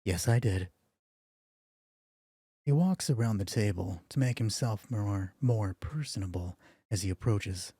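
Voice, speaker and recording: A man with a low, mellow voice narrates his own tabletop adventure on a live stream. He breaks off with dry, self-mocking jokes about his choices. The sound is close and dry, with a slightly husky edge. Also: normal speed, dry recording. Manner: self-mocking asides between character voices. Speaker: solo role-play streamer voicing all characters.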